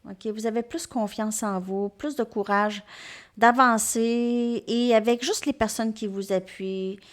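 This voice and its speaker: A woman gives a tarot reading to her viewers, gently reassuring them and often checking in with them. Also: medium pitch. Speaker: tarot reader.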